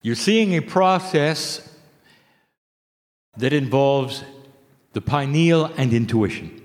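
A man giving a channeled spiritual address to an audience, declaiming in deliberate short phrases, in a reverberant hall. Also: medium pitch, lively intonation.

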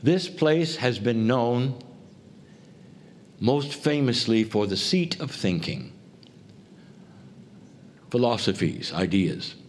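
Male spiritual speaker, mid-pitched, deliberate and solemn, addressing a group, slight background noise. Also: lively intonation. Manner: measured, deliberate, solemn phrasing. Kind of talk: spiritual channeled talk. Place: live before a group.

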